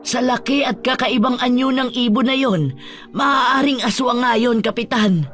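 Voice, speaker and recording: A man's voice: extremely high pitch, a little slow, a bit bright, faint music behind, voice pushed up. A man voicing a frantic elderly grandmother who stammers and pleads through tears. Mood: desperate. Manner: panicked, stammering, crying pleas.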